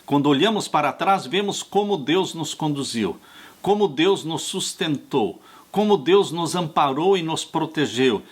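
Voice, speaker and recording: A pastor in his sixties preaches a sermon on a Bible study lesson, slow and earnest, warmly calling his listeners "dear ones." His husky voice rises and falls with lively pitch.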